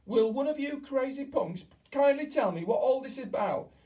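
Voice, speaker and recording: A narrator doing a bratty shouting boy. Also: high-pitched, sing-song, brisk, voice pushed up. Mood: demanding. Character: spoiled, demanding, greedy young boy.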